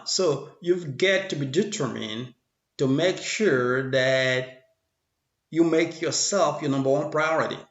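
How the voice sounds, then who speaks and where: A man giving a rambling motivational monologue, often repeating his phrases in a preachy way. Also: medium pitch. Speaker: motivational speaker. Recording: echoey room, dull lo-fi sound.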